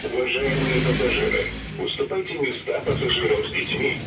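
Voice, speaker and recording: A man giving recorded metro announcements over a PA system in a train car, in a calm, formal, measured way. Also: mid-range voice, dull audio, loud music behind the voice. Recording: echoey far-off loudspeaker, loud train noise.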